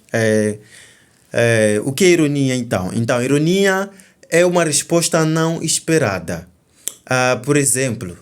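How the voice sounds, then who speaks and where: A man with a Mozambican Portuguese accent, an exam tutor going through the answers step by step and checking in with "ok?" as he goes. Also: medium pitch. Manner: explains step by step, often stopping to say "então" and "ok?".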